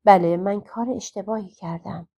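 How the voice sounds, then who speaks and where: A woman's voice: medium pitch, vocal fry, mellow. A woman reading aloud voices a humble, frightened young servant who speaks politely and pleads. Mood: pleading.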